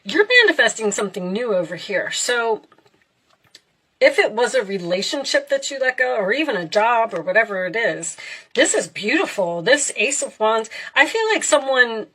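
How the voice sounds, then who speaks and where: Female tarot reader, conversational and reassuring, addressing the listener directly with halting, thinking-aloud phrasing. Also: fairly high pitch, lively intonation, fairly bright tone, breathy edge, low-quality recording. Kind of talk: casual spoken tarot reading.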